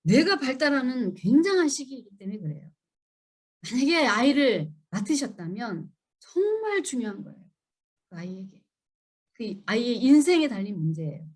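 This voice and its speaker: Middle-aged woman lecturer, high voice, very animated, emphatic and questioning. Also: moderate pace. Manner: lively, emphatic, asks the audience questions; acts out children and parents in high voices. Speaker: seminar lecturer. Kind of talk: church seminar lecture.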